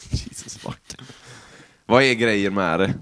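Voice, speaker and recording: A young man hosting a casual podcast chat, swearing a lot, teasing his friends and laughing loudly. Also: lowish voice, smooth. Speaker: podcast host. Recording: lo-fi home podcast audio.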